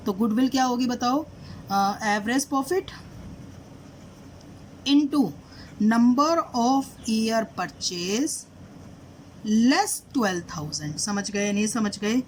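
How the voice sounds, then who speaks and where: Woman teaching accounts, slightly high voice. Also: animated, slow, pauses often, a little hiss or hum, poor audio. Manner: asks students questions and repeats "did you understand?"; mixes English terms into Hindi explanations. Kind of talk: explaining a solved problem.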